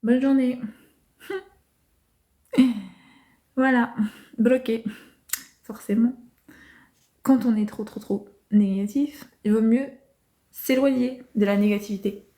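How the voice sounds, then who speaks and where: A woman hosting a casual livestream, answering viewers' comments calmly and hesitating with many fillers. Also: a little high. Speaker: livestream host.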